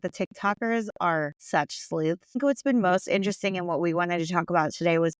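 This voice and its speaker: Woman podcast cohost explaining stuff, lowish voice, dry close mic. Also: brisk, no echo. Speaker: podcast co-host. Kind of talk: casual podcast conversation.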